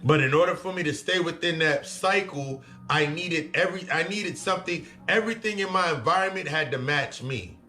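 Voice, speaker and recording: A man's voice: a little high, moderate pace, hardly any pauses, bright, forceful tone, soft background music. A man giving a blunt, profane self-help talk as a spiritual coach, repeating his points for emphasis. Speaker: spiritual reader and life coach. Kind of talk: motivational self-help monologue.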